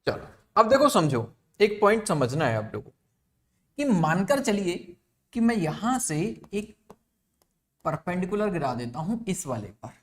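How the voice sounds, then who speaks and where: A man's voice: high voice, big pitch swings, unhurried. A young man teaching a physics class online, mixing Hindi and English and often asking the class questions.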